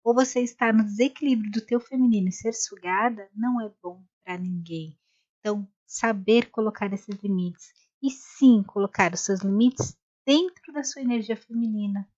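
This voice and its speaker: A woman co-hosting a live, casual chat tells a rambling story, restarting again and again. Her voice sits at medium pitch and moves at normal speed, a little mellow, with the highs cut off.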